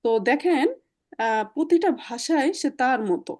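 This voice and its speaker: A woman's voice: sits high, normal speed, darkish tone. A woman teaching German in an online class over a video call, explaining patiently step by step with many fillers.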